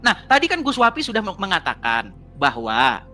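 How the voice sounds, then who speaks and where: A woman's voice: mid-range voice, huge pitch swings, normal speed, bright, forceful tone, soft background music. A woman arguing in a heated debate, mocking her opponent and laughing as she presses her points.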